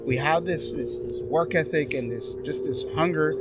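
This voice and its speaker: With loud music behind him, a middle-aged veteran advocate talks at a moderate pace in a slightly high voice. As a guest on a relaxed nighttime podcast on a covered patio lit by string lights, he teases his friends, cracks jokes, and laughs frequently.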